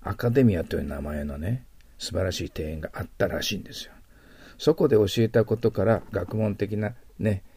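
A man with a low, dark, slightly husky voice teaches vocabulary in a patient, explanatory way. He repeats each word slowly to model its pronunciation. The recording is close and dry. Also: dry recording. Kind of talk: recorded audio lecture.

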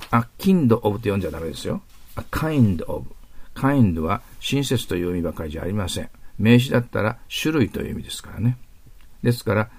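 A man teaching English idioms in a patient, explanatory lecture, reading the English examples slowly and carefully. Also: lowish voice, creaky, slightly rough. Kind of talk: classroom grammar lecture.

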